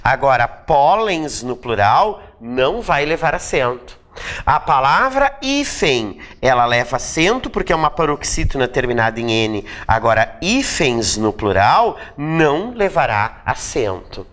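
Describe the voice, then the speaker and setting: Brazilian man, exam-prep teacher, animated pitch, keeps asking "right?". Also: measured pace. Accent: Brazilian Portuguese. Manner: checks in with tag questions; repeats points for emphasis. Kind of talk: grammar lesson.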